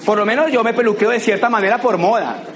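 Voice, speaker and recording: Colombian guy, high voice, animated motivational talk, roomy echo. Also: fast talker, noisy background. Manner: animated, acts out scenes with sound effects. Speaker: motivational speaker. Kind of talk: motivational talk to a live audience.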